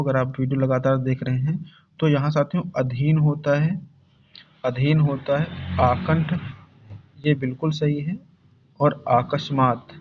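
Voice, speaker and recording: A man leads an online exam-prep lesson in Hindi. He drills answer after answer, repeating each spelling and calling out to his students as brothers and friends. His mid-pitched voice comes through a dull, lo-fi recording. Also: slight background noise. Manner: repetitive, drills correct spellings, calls students "bhai" and "saathiyon". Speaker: Hindi teacher. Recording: dull lo-fi sound.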